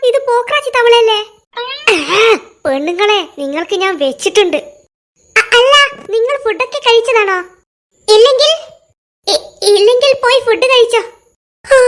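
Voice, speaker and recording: A bunch of young cartoon schoolkids bicker and chatter in very high, squeaky voices. The talk bounces quickly from one child to the next, in the style of an animated comedy. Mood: awkward. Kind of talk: cartoon voice acting.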